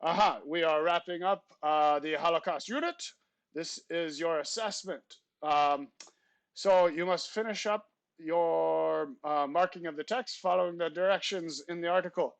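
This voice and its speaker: A pompous Frenchman standing in as substitute teacher, as a male teacher puts him on, with a put-on, over-the-top French accent and a fairly high voice. He reads out the class notices in stiff, formal phrases with theatrical flourishes. The sound is dry and close. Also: moderate pace, gravelly, dry recording. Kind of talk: comic class announcements in character.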